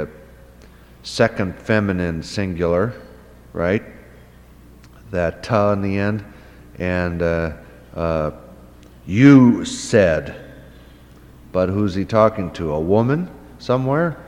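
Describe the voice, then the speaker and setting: A man with a low voice teaches at an unhurried pace, working through his points aloud. He fills pauses with "uh" and "um" and often poses a question before answering it. His voice rings out with long reverb, as in a hall. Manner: thinking aloud with frequent fillers; explains terms by asking and answering questions. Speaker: Hebrew Bible teacher. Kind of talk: unscripted lecture.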